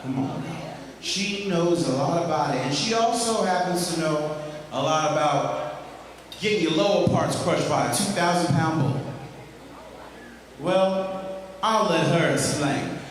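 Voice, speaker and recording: A man's voice: a little high, measured pace, pauses often. A man hosting a live stage show as emcee, theatrically rallying the crowd in a sultry, teasing manner. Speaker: burlesque show host, emcee. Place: live saloon-style show venue, on stage. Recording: echoey hall, crowd noise, live PA.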